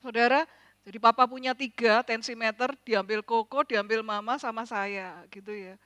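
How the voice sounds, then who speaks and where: A woman preaching a sermon in church, telling a story animatedly and swinging between hushed and loud. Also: a little high, fairly even intonation, normal speed, dry recording.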